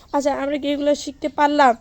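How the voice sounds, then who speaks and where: A woman tutors for an exam in a high-pitched, level, darkish voice at normal speed, with no room sound. She drills the material, asking questions and answering them herself, and has listeners repeat after her.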